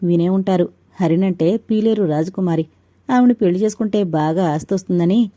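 A woman reading a story voices a sly, smooth-talking young man who flatters and schemes. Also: on the low side, normal speed, no room sound, natural voice. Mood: ingratiating. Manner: ingratiating, sly.

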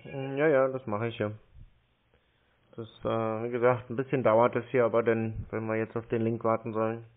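Over a tinny phone line, a man pretends to be a call target on a long call, speaking slowly and hesitantly. He stalls with hums, fillers and small complaints in a mid-range, level voice.

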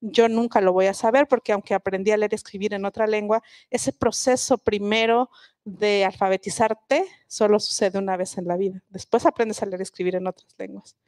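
A woman's voice: mid-range voice, steady tone, fairly quick, darkish tone, dry recording. Reflective woman, dry close sound. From Oaxaca, Mexico. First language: Mixe. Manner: reflective, explanatory, with frequent restarts. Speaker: guest speaker, linguist. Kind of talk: public talk at a book festival.

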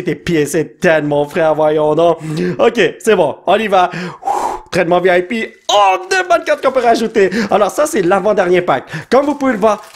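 A man with a Quebec French accent hosting a casual card-opening video, excitable, breaking into shouts and laughs and dropping English words. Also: high-pitched. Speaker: card-opening channel host. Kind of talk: casual pack-opening commentary.

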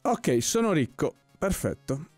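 A man giving casual let's-play commentary, relaxed and puzzled, with joking asides about what happens on screen. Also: a little high, a little slow. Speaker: gameplay commentator. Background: soft game music.

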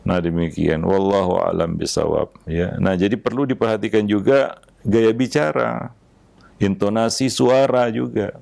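A man giving a religious lecture on raising children, unhurried and measured, with an Indonesian accent, often dropping a soft "ya" between phrases. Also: on the low side, creaky, no echo. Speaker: Islamic preacher.

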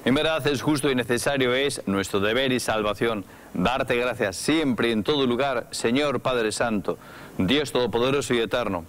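A man leading Mass as the priest, reciting the liturgical prayers in a solemn, measured way in a small chapel. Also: medium pitch. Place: small chapel studio with brick wall.

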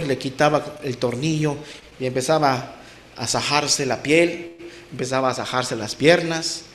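A middle-aged man preaching a sermon as a pastor, impassioned, swinging from soft to loud emphasis. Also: fairly high pitch, a little hiss or hum. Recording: roomy echo.

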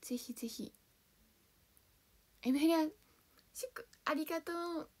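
A young woman, an idol livestreamer, chats casually on her stream with a high voice at a normal speed, bubbly and giggly as she reads out viewers' comments one by one and thanks each. She lives in Kanto, Japan, but was born in Hiroshima.

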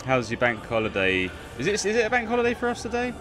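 A man's voice: sits high, wildly swooping pitch, quick pace, over music. A man casually chatting with viewers while streaming a game, laughing easily. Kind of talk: casual chat while playing.

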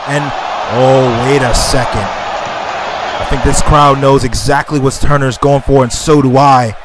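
A man doing excited play-by-play commentary over a wrestling video game, exclaiming and gasping as his voice leaps up. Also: mid-range voice, measured pace. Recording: loud game music and crowd noise. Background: game music and arena crowd.

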